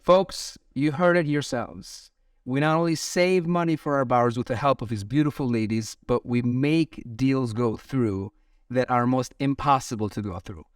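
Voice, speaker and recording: Male co-host, eager and enthusiastic, mid-pitched, slightly off-mic in a dry room. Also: moderate pace, no room sound, far from the mic. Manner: upbeat, enthusiastic interjections. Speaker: podcast co-host. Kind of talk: casual chat.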